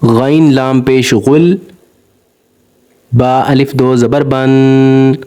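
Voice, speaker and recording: Teaching Quran recitation, a man spells each letter and syllable, then patiently draws the joined word out slowly. His medium-pitched voice has a flat delivery and a warm, clean tone.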